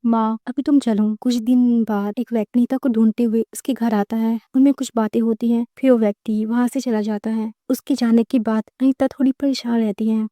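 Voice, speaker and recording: Steady woman storyteller, flat tone. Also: on the high side, fairly quick, few pauses, dry recording, studio quality. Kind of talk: audiobook story narration.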